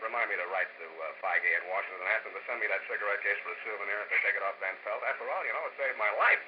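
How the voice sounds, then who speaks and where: A man's voice: fairly low pitch, very fast, highs cut off, noisy background. An actor playing a wisecracking hard-boiled male private detective in 1940s radio acting style, with dry, wry narration, heard on an old wire recording.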